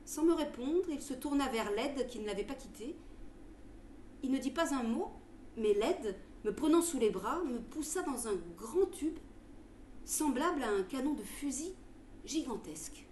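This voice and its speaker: A woman's voice: sits high, lively intonation, measured pace, a little mellow. A woman storyteller giving a theatrical, scripted narration indoors. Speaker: storyteller, stage performer. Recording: roomy with faint background noise.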